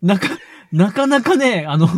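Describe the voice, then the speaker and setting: A man's voice: sits high, animated, a little slow, a little hiss or hum. A man co-hosting a casual podcast chat, playful and self-mocking, laughing often.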